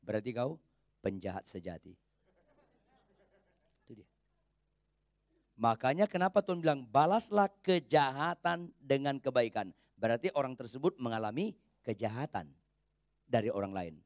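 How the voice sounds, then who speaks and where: A man preaching a sermon from a church pulpit, swinging between loud, high exhortation and quiet asides while quizzing his congregation. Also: big pitch swings, no echo, clean studio sound. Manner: asks the congregation quick check questions. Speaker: pastor.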